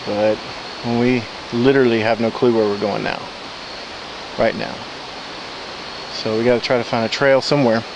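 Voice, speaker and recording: A man's voice: mid-range voice, fairly even intonation, moderate pace, long pauses. Man vlogging casually over outdoor stream noise. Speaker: hiking vlogger. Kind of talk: casual, unscripted trail narration. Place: outdoors on a rocky riverside woodland trail. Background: stream and natural ambience.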